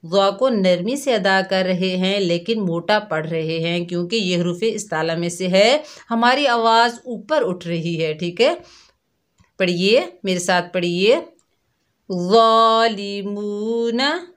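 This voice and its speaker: A woman's voice: on the low side, lively intonation, unhurried. A woman with a Pakistani Urdu accent teaching Quran pronunciation to children, drawing out each syllable and repeating drills patiently. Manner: addresses pupils warmly as dear children. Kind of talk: slow, patient tajweed lesson for children.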